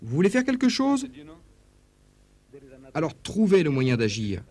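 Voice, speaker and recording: A man preaching in a dubbed religious lecture, emphatic, asking rhetorical questions, his pitch swinging up and down. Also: wildly swooping pitch, measured pace, darkish tone.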